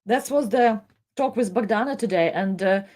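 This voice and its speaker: A middle-aged woman from the Soviet Union presenting live commentary, speaking with emotion and pausing and repeating words as she goes. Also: medium pitch, darkish tone.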